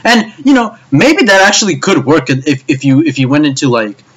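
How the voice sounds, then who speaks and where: A man's voice: fairly high pitch, sing-song, normal speed, fairly bright tone, husky. A man giving an anime review as a frustrated, profane rant, stammering and repeating himself as he goes. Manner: frustrated, stammering, swears often.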